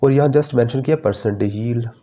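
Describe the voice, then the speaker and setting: A man teaching a chemistry exam-prep lesson, addressing students in a fatherly way and slowing down to read English syllabus lines. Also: medium pitch, mellow. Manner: fatherly, calls students "beta", mixes English terms.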